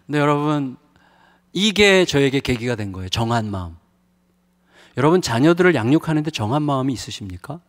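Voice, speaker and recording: A man's voice: mid-range voice, big pitch swings, normal speed, pauses often. A middle-aged man preaching a revival sermon, telling a personal story in a frank, emotional way with frequent hesitations. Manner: confessional, emotional storytelling with many fillers. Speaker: pastor. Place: church sanctuary. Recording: reverberant church hall.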